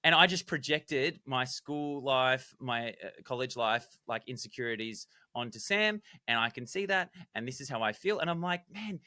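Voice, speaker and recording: A man co-hosting a podcast, explaining game strategy in an animated, detailed way. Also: medium pitch, normal speed, few pauses, no room sound, studio quality. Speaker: podcast co-host, former contestant. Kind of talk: casual analytical chat.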